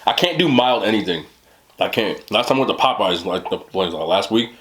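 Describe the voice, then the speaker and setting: A man with a fairly low voice hosts a casual mukbang. He rambles in joking, slangy chat and keeps talking between bites of food. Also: expressive, brisk, fairly bright tone. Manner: talks between bites while eating. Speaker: mukbang host. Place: small indoor room, seated at a table.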